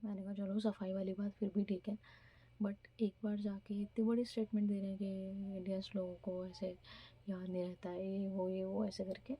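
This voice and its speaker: A young woman from India telling a story in a casual vlog, chatty and animated, sometimes dropping to a half-whisper. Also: mid-range voice, moderate pace, breathy edge, lo-fi sound. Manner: chatty, animated retelling with mimicry; speaks softly, half-whispering at times. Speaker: vlogger.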